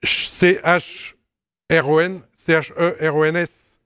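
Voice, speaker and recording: A man talking slowly and clearly as he goes through a dictation, spelling each word out letter by letter. His voice sits a little high for a man, smooth and crisp, and the sound is dry and close. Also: little pitch movement, fairly bright tone, no echo. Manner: spells words letter by letter, explains patiently with asides. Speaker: teacher correcting a dictation. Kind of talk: dictation correction lesson.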